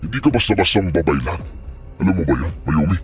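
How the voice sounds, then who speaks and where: A man's voice: low-pitched, animated, fast talker, faint music behind. A man voicing a cruel, scheming male aswang chief in an audio drama who mocks and threatens a captive. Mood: taunting. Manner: taunting, threatening, mocking.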